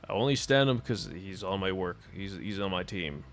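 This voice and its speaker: A man's voice: sits low, expressive, normal speed, a little hiss or hum. A man streaming a video game, telling a long story in a casual, profane, rambling way and laughing often. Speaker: gaming streamer.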